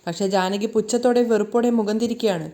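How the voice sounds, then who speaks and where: A woman narrating a dramatic story recap, reading briskly and tripping over a word now and then. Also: mid-range voice, warm tone. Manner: brisk reading with stumbled restarts.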